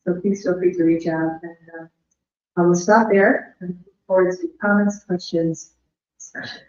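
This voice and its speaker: A woman giving an earnest, measured academic presentation, her voice going hoarse. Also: fairly low pitch, steady tone, a little mellow. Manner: earnest, measured, rhetorical lists. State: losing her voice. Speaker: invited speaker. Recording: roomy, dull remote audio.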